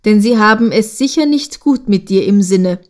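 A woman voicing a wise old female lead goose who speaks in a calm, commanding way. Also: mid-range voice, moderate pace, close to an everyday voice. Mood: stern.

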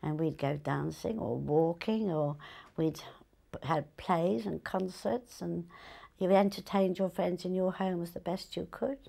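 An older woman reminisces in an animated way. Her voice is gravelly and raspy, on the low, mellow side. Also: unhurried. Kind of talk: reminiscing testimony.

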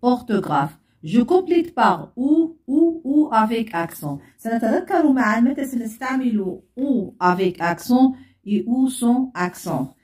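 A woman teaching French grammar in a bilingual lesson, speaking slowly and repeating words and spelled letters aloud. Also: fairly high pitch, lively intonation, darkish tone, echoey room, recorded from a distance.

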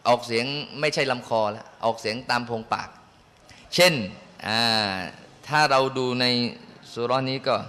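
A man's voice: on the high side, sharp tone, long reverb tail. A man teaching correct Quran pronunciation, patiently repeating and demonstrating each sound. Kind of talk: religious lesson on Arabic pronunciation. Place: hall at a foundation.

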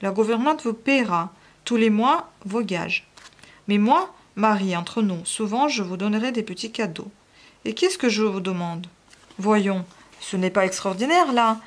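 Fawning, obsessive older gentleman, read by a woman, pitched up, pressing and wheedling. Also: expressive, a little slow, close to an everyday voice. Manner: coaxing, insistent, rising to pleading. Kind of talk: audiobook reading.

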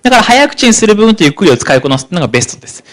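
A man giving a psychology seminar talk, speaking rapidly and slowing down for key points. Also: high voice. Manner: rapid, animated delivery that slows for key points. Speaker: lecturer on psychology.

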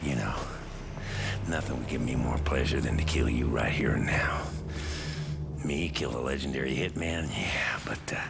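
An actor playing a sadistic, drawling male crime boss in a video game cutscene, with a gravelly, taunting voice. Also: very deep voice, moderate pace. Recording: game cutscene audio under loud music.

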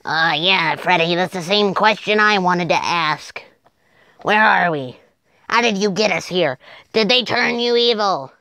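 A woman voicing a sceptical, grumbling rabbit plush toy with a creaky voice in an amateur puppet show. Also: lowish voice, measured pace, pushed and bright, no echo. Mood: puzzled.

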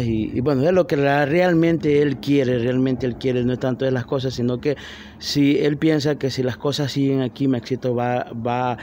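Male host, mellow tone, halting delivery with pauses to find the word. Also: mid-range voice, slight background noise. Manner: halting, searches for words. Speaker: vlogger, host. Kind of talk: casual explanation.

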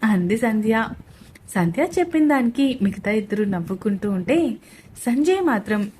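Woman storyteller with a high voice. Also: lively intonation, moderate pace, a little mellow, slight background noise. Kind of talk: scripted story narration.

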